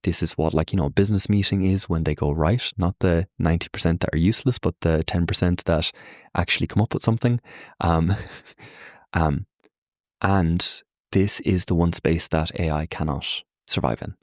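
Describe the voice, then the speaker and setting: Podcast guest, young man, deep voice, lively storyteller, close dry sound. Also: moderate pace, no room sound. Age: young adult. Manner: animated, acts out quoted voices, frequent fillers. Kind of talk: reflective conversational explanation. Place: Ireland.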